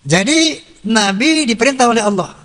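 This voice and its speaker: A man's voice: very high-pitched, lively intonation, moderate pace, a bit bright, big-room sound. A man preaching a sermon, quoting verses and translating them, and asking his listeners rhetorical questions. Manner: quotes and translates scripture, asks audience rhetorical questions.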